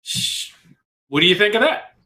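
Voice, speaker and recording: A man co-hosting a casual panel podcast, talking in a relaxed, slangy way and laughing often. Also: high voice, moderate pace. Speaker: podcast co-host.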